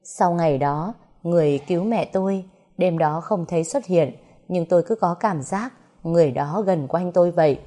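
A woman narrating an audio story in a calm, even storytelling manner. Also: on the low side, normal speed.

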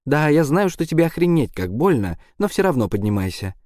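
A man's voice: a little high, sing-song, a little fast, darkish tone, no room sound, studio quality, voice pushed up. A man voicing a bossy teenage girl who orders others around with exasperation, in an audiobook. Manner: commanding, exasperated.

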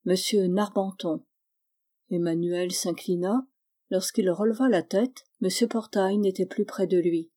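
A woman narrating a classic novel as an audiobook reader, in a steady, even storytelling manner. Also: medium pitch, measured pace. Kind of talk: scripted narration.

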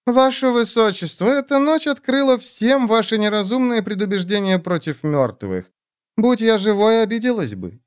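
A man's voice: high voice, animated, normal speed, clear, resonant tone, no echo, clean studio sound, voice pushed up. A man voicing a brazen undead woman ship captain, cheeky and blunt. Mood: teasing.

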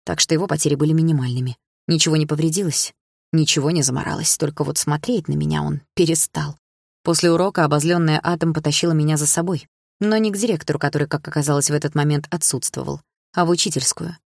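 A woman reading a first-person audiobook in a calm, measured, expressive way. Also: sits low, gravelly, no echo, clean studio sound. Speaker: audiobook narrator.

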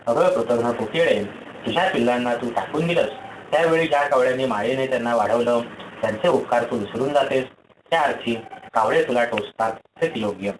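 A man's voice: mid-range voice, fairly quick, a little hiss or hum, close to an everyday voice. Storybook owl, elder male, reproachful lecturer, roomy sound; a man reads him.

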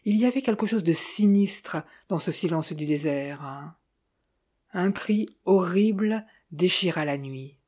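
A woman narrating an audiobook in a measured, even reading style. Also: fairly low pitch, slightly rough.

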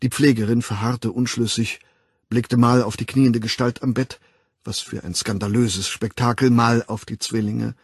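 A man reading a novel aloud as an audiobook narrator in a measured, expressive way. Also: medium pitch, slightly rough, no echo, clean studio sound.

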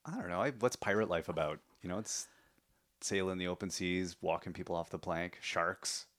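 Deep bright-toned musing male co-host. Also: normal speed. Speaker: podcast co-host. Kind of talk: casual chat.

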